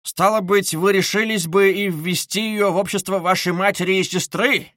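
A man reading aloud voices a pompous, sarcastic middle-aged gentleman in a stiffly formal manner. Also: high voice, steady tone, moderate pace, dry recording, clean studio sound, voice pushed up. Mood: sneering. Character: sneering pompous middle-aged male suitor.

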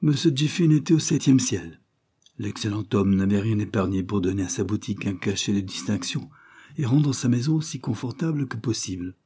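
Low, husky male narrator. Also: mellow. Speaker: audiobook reader. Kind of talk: scripted narration.

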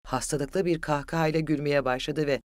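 An audiobook narrator telling a literary story in an even, steady voice. The pitch sits in the middle range. The recording is close and dry, with no room sound. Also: normal speed, dry recording.

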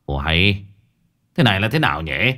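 Brief: man playing a cranky old man griping fast and loud, for a spoken ghost story. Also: deep voice, very animated, over music. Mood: exasperated. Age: older. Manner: grumbling, exasperated. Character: irritable old clansman scolding about a coffin.

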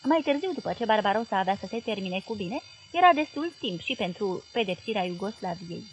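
A woman reading a novel aloud as audiobook narrator, steady and expressive. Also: mid-range voice, a little hiss or hum, low-quality recording.

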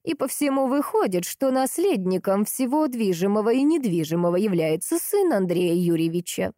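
A woman voicing a sharp-tongued, persistent older woman detective who is by turns sweet and cutting, in an audiobook. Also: mid-range voice, big pitch swings, normal speed, no echo, studio quality, natural voice. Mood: insistent.

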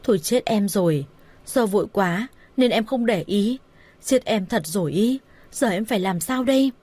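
A woman voicing a tearful older woman who begs and pleads in a high voice. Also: expressive, normal speed, darkish tone, breathy edge. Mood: pleading.

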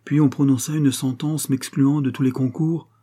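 A man narrating a literary story aloud, in an expressive, dramatic reading style. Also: medium pitch, normal speed, breathy edge. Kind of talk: scripted audiobook narration.

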